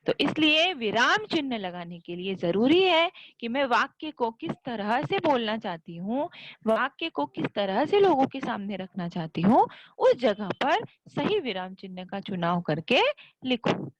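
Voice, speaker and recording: A woman's voice: on the high side, very animated, unhurried, a little hiss or hum, low-quality recording. A woman teaching a school grammar lesson, patiently explaining step by step with examples.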